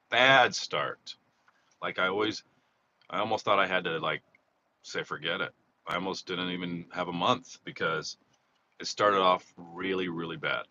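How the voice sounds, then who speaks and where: A man's voice: low-pitched, sharp tone. A man getting over a cold, chatting casually and rambling through a live stream outdoors near a freeway. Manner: rambling, chatty, restarts a lot. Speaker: slot vlogger doing a live monthly recap. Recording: slightly dull, faint freeway noise.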